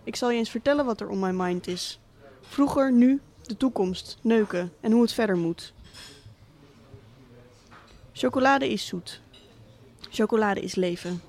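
A woman reading a literary monologue as a cynical, wealthy absent father, speaking in a dry, deliberate, sardonic way. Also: fairly high pitch, a little mellow. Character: cynical rich middle-aged father, absent tycoon.

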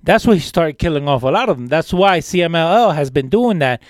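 Chatty guy co-hosting, slightly high voice, rambles and restarts a lot, dry close mic. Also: expressive, fairly quick, no room sound. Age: older than co-hosts. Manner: enthusiastic, rambling with many restarts. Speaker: podcast co-host. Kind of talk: casual chat.

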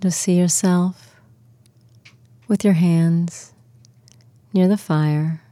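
Slow, soothing woman guiding relaxation. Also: fairly low pitch, steady tone, no room sound. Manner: slow, soothing, soft-spoken instructions. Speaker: relaxation guide. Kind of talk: guided relaxation script.

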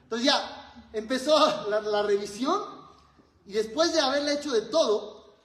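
A man's voice: very high voice, a little slow, fairly bright tone, echoey room, poor audio. A man, a rabbi, giving a sermon and telling stories with acted-out dialogue. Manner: storytelling, acts out dialogue in quotes.

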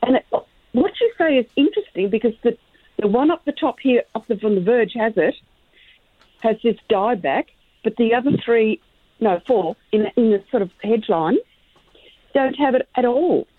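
A woman's voice: fairly high pitch, lively intonation, normal speed, dry recording. A woman calling in over the phone, asking hesitant, polite questions and restarting her sentences. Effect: heard over the phone. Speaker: caller. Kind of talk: casual radio call-in chat. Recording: narrow phone line, dry.

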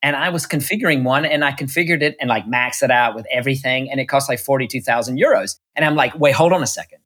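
A man's voice: medium pitch, fast talker, bright, forceful tone. A man giving an interview, chatting through stories with many restarts and fillers. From United States. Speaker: interview guest, electric car executive. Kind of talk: casual storytelling interview. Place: Munich.

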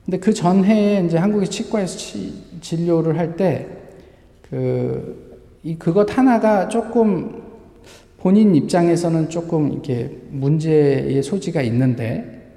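A man's voice: fairly high pitch, measured pace, gravelly, mellow. Male pastor, Sunday sermon in a reverberant church hall, questions the congregation. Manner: asks the congregation rhetorical questions. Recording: echoey hall with long reverb.

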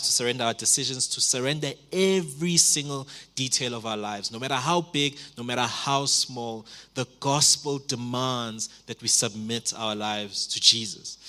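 A man's voice: medium pitch, pushed and bright. A man in his twenties, a pastor preaching a sermon in church, earnest, with repeated phrases and many fillers. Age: 20s.

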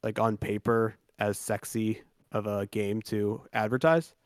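A man's voice: on the low side, fairly even intonation, unhurried, no echo, studio quality. A man co-hosting a sports podcast in loose, casual chat, swearing freely and restarting his sentences often. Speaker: podcast co-host.

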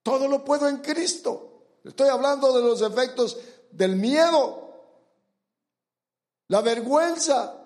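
High-voiced, slow, emphatic male preacher. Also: darkish tone. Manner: emphatic, asks the congregation rhetorical questions; acts out quoted voices. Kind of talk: sermon.

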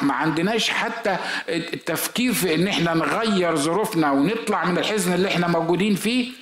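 A man's voice: fairly high pitch, fairly bright tone. Egyptian male pastor preaching in an echoey room. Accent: Egyptian Arabic. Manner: conversational storytelling preaching, rhetorical questions. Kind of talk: sermon.

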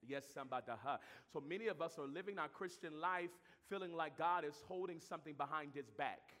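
A man preaching a sermon in a church, moving between shouted declarations and quieter asides. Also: brisk, big-room sound. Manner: animated preaching, swings from shouting to low asides.

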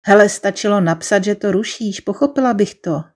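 Woman reading a wry first-person story. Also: mid-range voice. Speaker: narrator.

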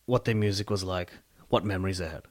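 A man chatting casually with halting, tentative phrasing. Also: low voice, dry recording. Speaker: conversation partner posing questions. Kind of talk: casual chat.

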